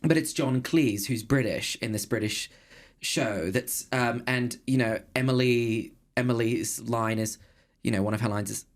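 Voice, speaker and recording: A woman's voice: rumbling low, unhurried. A woman hosting a casual podcast chat, talking in a thoughtful, rambling way and searching for words as she goes. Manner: chatty, thoughtful, many fillers and restarts. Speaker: podcast host.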